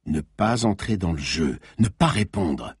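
A man narrating a thriller audiobook in an expressive, dramatic reading. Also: deep voice, unhurried, slightly rough, no room sound, studio quality.

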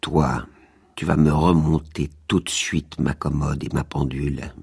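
A man voicing a suspicious old mother over seventy with a cracked, raspy voice. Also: rumbling low, steady tone, unhurried, no room sound, clean studio sound, heavily acted. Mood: stern.

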